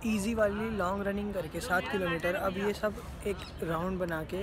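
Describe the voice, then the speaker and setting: A young man with a high-pitched voice and fairly even intonation vlogs from an outdoor stadium track, holding his phone at arm's length. He chats to viewers at a moderate pace in a casual, upbeat way, with crowd noise picked up by the phone.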